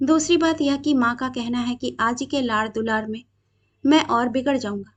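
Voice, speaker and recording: A woman's voice: fairly high pitch, normal speed, close to an everyday voice. Brief: woman reading as a troubled, defiant young man, earnest and aggrieved, storybook reading.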